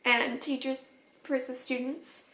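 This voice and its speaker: A woman teacher crying through a tender, halting video message to her students, with sniffles and teary laughs. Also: sits high, little pitch movement, bright, forceful tone, echoey room, poor audio. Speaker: third grade teacher.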